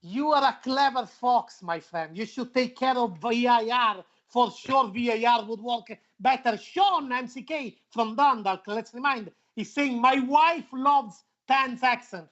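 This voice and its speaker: A football show presenter chats casually in an extremely high-pitched, slightly bright voice with a foreign, non-native English accent. He's playful, leans on emphatic repetition, and speaks at a measured pace with hardly any pauses. The audio is muffled.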